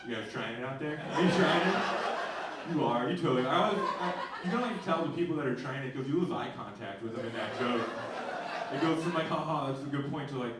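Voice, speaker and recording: A man's voice: medium pitch, lively intonation, fast, very noisy. Male stand-up comedian, conversational crowd work, echoey club, distant mic. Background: audience laughter.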